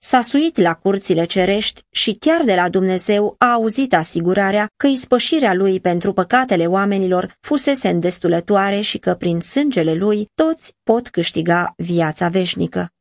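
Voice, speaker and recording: Female audiobook narrator, mid-pitch, measured and earnest, dry close-mic studio sound. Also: expressive, no room sound.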